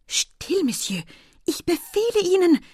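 A woman doing a teasing young wife, high and bright. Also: very animated, normal speed, slightly rough, no echo, studio quality, heavily acted. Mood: mock-indignant. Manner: playful, mock-indignant.

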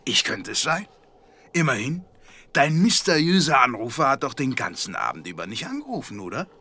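An actor playing a young stranger who teases and taunts in a radio drama, with a playful, mocking manner. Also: male voice, mid-range voice, huge pitch swings, a little fast, sharp tone, heavily acted. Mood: teasing. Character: smooth teasing young stranger.

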